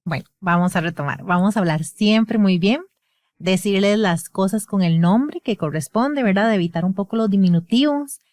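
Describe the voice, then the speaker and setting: A woman's voice: mid-range voice, moderate pace, a little mellow, dry recording, clean studio sound. A woman with a Costa Rican accent, a speech therapist explaining in a casual podcast conversation and often closing sentences with a question tag. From Costa Rica.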